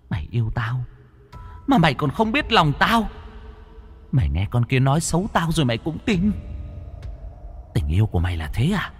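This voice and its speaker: A cruel female ghost from a horror storybook, put on by a male narrator, hissing her threats in a raised, hushed voice full of scorn. She taunts and snarls, with breathy cackles in her tone. Faint music plays behind her. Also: medium pitch.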